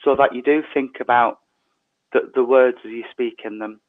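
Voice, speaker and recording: A man leading an online prayer service, his voice tinny through an earpiece mic, reading prayers softly and slowly. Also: mid-range voice, fairly even intonation. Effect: tinny sound from a changed earpiece mic. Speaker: service leader. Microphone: earpiece headset mic. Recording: tinny phone-like online call.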